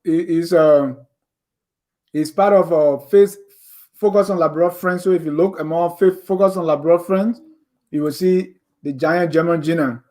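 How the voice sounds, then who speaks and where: A man's voice: fairly high pitch, fairly even intonation, normal speed, dark tone. A man with a Liberian accent hosting a casual live chat and reading out viewer comments.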